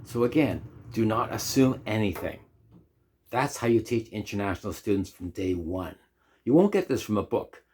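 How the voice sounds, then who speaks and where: Speaking at a normal speed in a lowish, slightly mellow voice with lively intonation, this man gives an instructional talk about teaching. He is a Canadian ESL teacher in his fifties who emphasizes and repeats key points and asks rhetorical questions.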